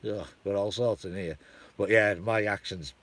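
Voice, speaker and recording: A man from North Wales, his accent tinged with a hint of Shropshire, rambles casually on an outdoor live stream, swearing and chuckling along the way. His voice is fairly low, steady and a bit bright, at a moderate pace.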